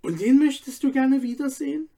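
A man voicing a dreamy little girl, high and eager. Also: a little fast, gravelly, mellow, exaggerated voice. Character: young girl, wistful and dreamy. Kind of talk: storybook reading.

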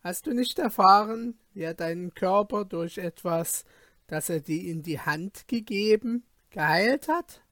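A sly male vizier from an old fairy tale whispers doubt into a king's ear at a slow, deliberate pace, as a reader puts him on. The voice is close to the mic, dry and plain. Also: medium pitch, fairly bright tone, no echo, lightly acted. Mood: scheming. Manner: insinuating and persuasive. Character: scheming flattering male vizier.

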